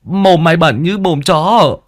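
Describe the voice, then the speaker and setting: A man's voice: on the high side, measured pace, pitched above the performer's own voice. A man voicing a chatty, stammering young male sidekick who whines a lot in a spoken ghost story. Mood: cheeky.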